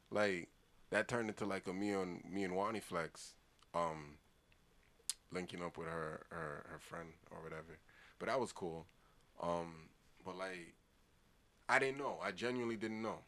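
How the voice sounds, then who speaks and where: Low-voiced slangy man in his thirties. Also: measured pace, pauses often, fairly bright tone. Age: 30s. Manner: slangy, profane, repetitive. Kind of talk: casual group banter and storytelling.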